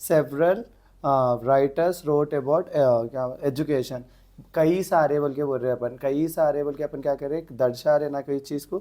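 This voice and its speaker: A man's voice: on the high side, mellow. A man teaching an exam-prep English grammar lesson, asking the class questions and answering them himself.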